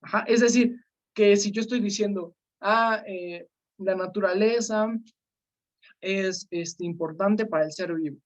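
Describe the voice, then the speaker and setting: A woman teaching an online class, calling on students by name and filling pauses with "este" and "eh". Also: mid-range voice. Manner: questioning students by name, many fillers. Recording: slightly dull lo-fi sound.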